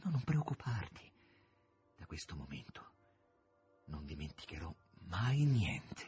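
A man's voice: medium pitch, huge pitch swings, moderate pace, a bit bright, slightly rough, soft background music, exaggerated voice. A man voicing a weary, bitter male writer, speaking with ironic resignation. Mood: resigned.

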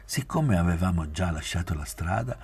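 A man reading a novel aloud in a measured, restrained way, often sinking to a near-whisper. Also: low-pitched, lively intonation, darkish tone. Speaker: audiobook reader. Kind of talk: literary audiobook narration.

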